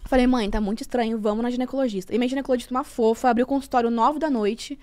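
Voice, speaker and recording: A young Brazilian woman talks quickly in a high voice, telling a story as a podcast guest. She is frank, swears casually and acts out the lines of the people in her tale. The sound is dry and close. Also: no echo. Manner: animated, acts out quoted dialogue, frank and swears freely. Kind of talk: casual chat, personal storytelling.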